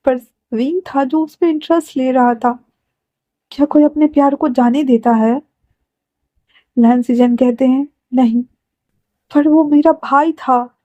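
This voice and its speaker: A woman's voice: sits high, no room sound, dull audio. A woman narrating an emotional fan fiction story, dramatically voicing the characters' lines herself.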